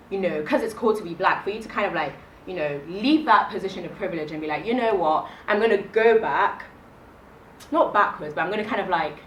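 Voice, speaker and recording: A woman with a lowish voice takes part as a panelist in a casual group discussion, speaking emphatically and becoming more insistent as she argues. The mic is distant, the room echoes, and there's slight background noise.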